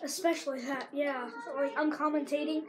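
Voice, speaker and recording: Commentating a video game, this teenage gamer rambles casually through a sore throat and bursts into excited shouts when plays happen. She has a high female voice at a normal speed, with crowd noise behind her.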